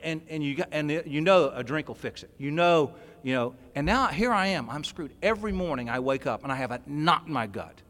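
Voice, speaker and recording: A man tells his own recovery story from a podium, emphatic and plainspoken. His voice is bright and cutting, pitched in the middle range, and it swings between loud outbursts and hushed, intense passages. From California. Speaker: 12-step workshop speaker. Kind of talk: personal recovery talk at a podium. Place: convention hall.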